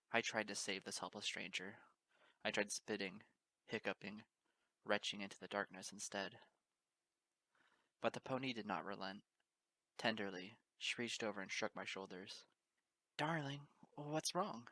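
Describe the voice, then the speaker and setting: A man narrating a fan-fiction audiobook in the first person, reading in a steady, dramatic way. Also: fairly low pitch, dry recording. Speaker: audiobook reader.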